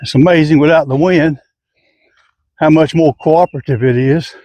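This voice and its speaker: An older man talks through garden chores in a folksy, plain-spoken way, one step at a time. His voice sits a little high for a man. It is captured outdoors on a camera mic, with a dry sound and no room echo. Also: steady tone, moderate pace, warm tone, lo-fi sound. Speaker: home gardener. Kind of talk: casual how-to garden vlog.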